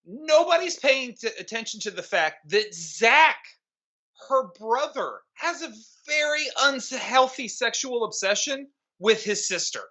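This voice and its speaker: A man's voice: extremely high pitch, big pitch swings, unhurried, sharp tone. A man co-hosting a casual movie review podcast, talking in a sarcastic, profane way. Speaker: podcast co-host. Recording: dull lo-fi sound.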